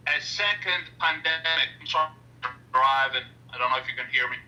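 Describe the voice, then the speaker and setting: A man's voice: mid-range voice, fairly quick, sharp tone. A man with an Italian accent calling in on a car speakerphone while driving, combative and repeating himself. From Italy. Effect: speaking over a car speakerphone while driving. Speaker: caller. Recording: muffled phone call from a car.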